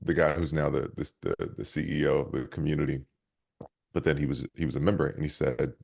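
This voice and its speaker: Man, very deep voice, gravelly fry, energetic interview guest, rambling restarts. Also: brisk. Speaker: guest, leadership coach and speaker. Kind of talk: conversational interview storytelling.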